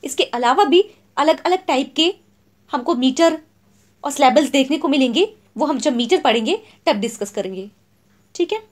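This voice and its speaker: A woman teacher with a high-pitched voice and lively intonation explains English literary terms during a Hindi exam lesson. She reads the English definitions slowly, word by word, then explains them in Hindi, often checking in with "theek hai".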